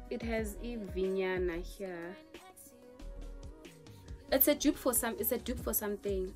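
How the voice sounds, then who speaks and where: A young woman with a South African accent, chatting casually through a shopping haul in her bedroom, with drawn-out reactions and Zulu words mixed in. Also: mid-range voice, fairly bright tone. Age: young adult. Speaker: vlogger. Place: bedroom, indoors. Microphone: camera in front of her. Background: music.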